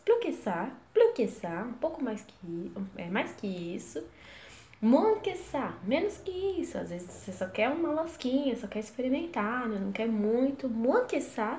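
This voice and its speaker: Brazilian woman, French teacher, unhurried and higher voiced, repeats and translates, echoey room. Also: darkish tone. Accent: Brazilian Portuguese. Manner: repeats each phrase slowly and translates it. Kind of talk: language lesson.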